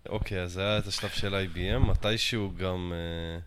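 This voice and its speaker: A man's voice: low-pitched, steady tone, background noise. A man interviewing, with short replies and brief questions.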